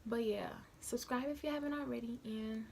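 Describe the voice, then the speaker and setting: Chatty young woman with a gravelly voice. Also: a little high, normal speed, dark tone, slight background noise. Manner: chatty, slangy, dramatic retelling. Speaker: vlogger. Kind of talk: casual storytime. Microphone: phone camera.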